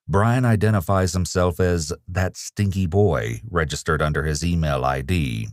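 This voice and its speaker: A man delivering scripted documentary narration in a measured, grave way. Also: deep voice, no room sound, studio quality. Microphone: studio voice-over.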